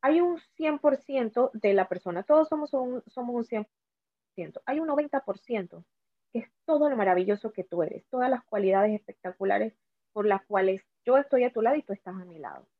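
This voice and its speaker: A woman's voice: a little high, expressive, a little fast, no echo. A woman with a Panamanian accent talking earnestly about her illness, often repeating words. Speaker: cancer survivor guest. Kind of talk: conversational talk. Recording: tinny phone-like audio.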